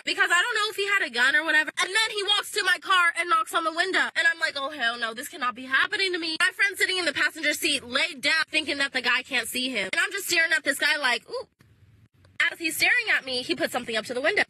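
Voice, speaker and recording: A woman's voice: high voice, bright, forceful tone, poor audio. A young woman telling a dramatic, slangy storytime, swearing freely. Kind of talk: casual storytime.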